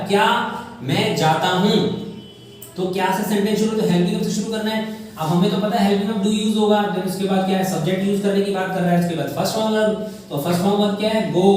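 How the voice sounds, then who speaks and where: A man's voice: high voice, darkish tone. A male English grammar teacher, explaining rules step by step in a classroom-style lesson and calling his viewers children. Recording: very echoey room, far from mic, faint noise.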